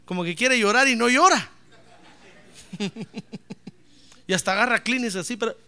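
High-pitched pastor guy preaching, gravelly bright voice, gets the church to shout back and cracks little jokes. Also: moderate pace. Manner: emphatic preaching with call-and-response and joking asides. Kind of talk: sermon.

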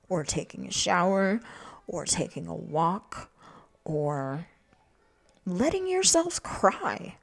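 A young adult woman talking in a rambling, casual monologue, full of fillers and restarts, acting out quoted lines. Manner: meandering, many fillers and restarts; acts out quoted voices with jumps in pitch. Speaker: podcast host.

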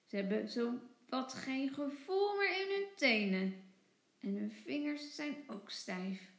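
A woman teacher reading a children's storybook aloud in an expressive, sing-song way. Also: high voice, slow pace, echoey room.

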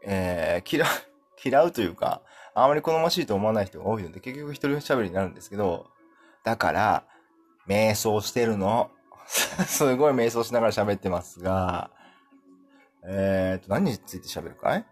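A man from talks on his solo podcast, his coming through in a fairly low, husky voice. His pitch swings widely as he rambles, pokes fun at himself and breaks into laughter. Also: animated, normal speed, faint music behind. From Kumamoto, Japan. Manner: rambling, self-deprecating, laughs often. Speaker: podcast host.

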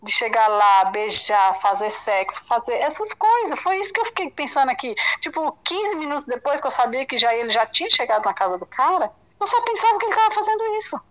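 Woman, Brazilian accent, higher voice, interview testimony, halting, repetitive. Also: bright, forceful tone, rough recording. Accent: Brazilian Portuguese. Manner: halting, repeats herself, acts out dialogue. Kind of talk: emotional personal testimony.

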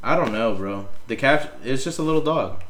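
A man's voice: medium pitch, animated, normal speed, fairly bright tone, slight background noise. A young man chatting casually with friends in a slangy, profane frat-bro manner. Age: young adult. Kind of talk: casual chat among friends. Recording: roomy, echoing sound.

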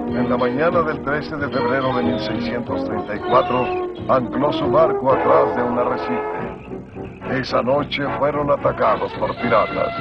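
A man narrating a cartoon intro in measured storytelling. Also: medium pitch, creaky. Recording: dull lo-fi cartoon clip with loud music.

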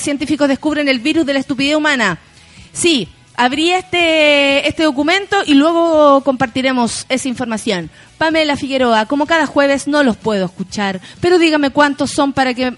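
A woman's voice: high-pitched, a bit bright. A Chilean woman hosting a morning radio show, chatting casually and reading listener messages aloud. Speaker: radio host.

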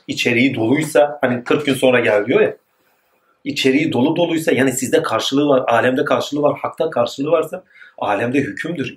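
Man preaching in an echoey room. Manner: rises emphatically, then drops to a low aside. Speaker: religious teacher. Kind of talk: spoken religious lecture. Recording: echoey room with faint noise.

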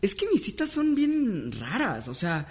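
A woman's voice: mid-range voice, huge pitch swings, a little slow, a little mellow, husky. A woman with a Mexican accent co-hosting a casual chat, teasing and steering to the next question. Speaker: co-host.

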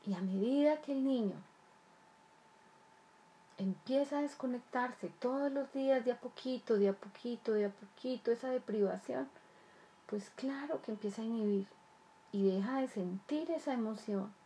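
A woman's voice: a little high, moderate pace, dark tone. A woman talking earnestly to parents about raising children, repeating phrases and asking rhetorical questions. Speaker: child development speaker. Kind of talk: explanatory talk to parents.

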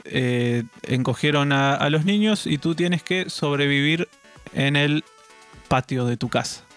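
A man co-hosting a casual gaming news chat, relaxed and hesitant, often repeating words as he talks. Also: fairly high pitch, measured pace, clear, resonant tone, faint music behind.

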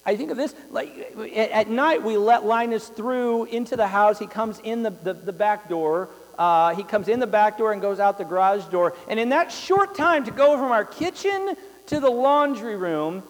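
High-voiced pastor in an echoey hall. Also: male voice. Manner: rambling anecdotes with fillers and repeated words. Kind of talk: sermon. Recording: long hall reverb.

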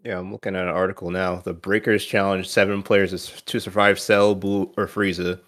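A man's voice: sits low, level tone, fairly quick, a bit bright. A man in casual group chat with slangy, bro-and-dude talk.

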